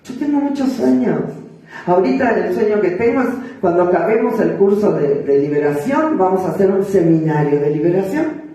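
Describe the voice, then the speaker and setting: A woman pastor with a Mexican accent, preaching a sermon in an animated, emphatic, chatty way. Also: medium pitch, moderate pace. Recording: echoey hall, distant dull mic.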